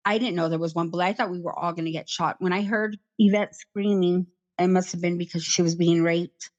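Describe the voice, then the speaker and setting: A middle-aged woman recounting her past in an interview, in a plain, halting way with many "like" fillers. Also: lowish voice, fairly even intonation, a little mellow, dull audio. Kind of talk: personal account in conversation.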